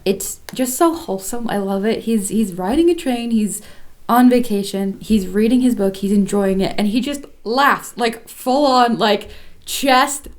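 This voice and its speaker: A woman's voice: a little high, unhurried. A woman co-hosting a casual film-review podcast, talking enthusiastically and rambling with lots of fillers. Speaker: podcast co-host.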